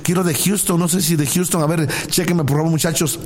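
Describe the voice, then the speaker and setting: A pastor from Puebla with a Mexican accent hosts a live broadcast, casually greeting listeners, reading their messages, and effusively blessing them while repeating phrases for emphasis. His voice is on the high side, steady in tone, and fairly quick.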